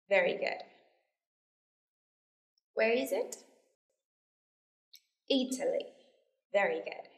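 Echoey woman teacher drilling words. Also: a little high. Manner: switches between explaining and loud, stressed model words for repetition. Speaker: English teacher. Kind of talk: classroom lesson with drills. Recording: echoey room.

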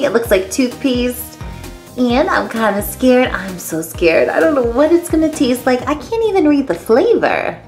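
Woman host, casual and cutesy candy review; lively, swooping delivery, slightly high. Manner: gushing, animated, cutesy. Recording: faint background music.

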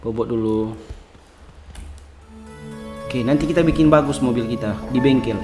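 A man's voice: mid-range voice, fast, music in the background. A man casually commentating a video game while playing with his child, talking to viewers and throwing out playful apologies. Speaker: gaming video host.

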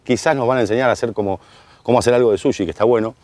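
A man with a Rioplatense Spanish accent hosting a casual outdoor interview, joking and chummy with quick questions. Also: mid-range voice, a little mellow, no room sound. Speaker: show host. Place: outdoor garden bar.

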